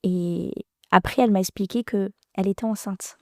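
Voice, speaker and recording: Warm-voiced woman telling a hard story. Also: mid-range voice, steady tone, no echo, clean studio sound. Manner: halting, emotional, many restarts. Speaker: podcast guest. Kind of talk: personal storytelling.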